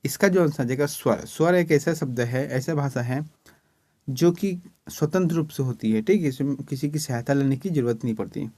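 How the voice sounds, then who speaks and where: A man's voice: medium pitch, normal speed, dark tone, no room sound. A male teacher from Chhattisgarh, India, walking through exam questions step by step and often checking in with "okay". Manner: explains step by step, repeating "ठीक है". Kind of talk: exam-prep lesson.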